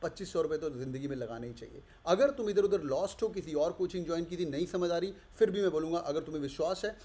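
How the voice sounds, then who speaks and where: A young adult man who teaches an exam course and is pitching it with energy, switching quickly between languages and voicing his students' questions. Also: dark tone. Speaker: CAT coaching teacher.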